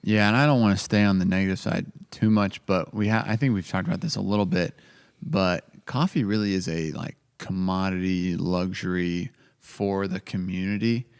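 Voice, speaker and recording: A man's voice: low voice, fairly even intonation, normal speed, gravelly, smooth. A man co-hosting a casual business podcast, rambling on and acting out bits of quoted dialogue. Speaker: coffee company co-owner, podcast host.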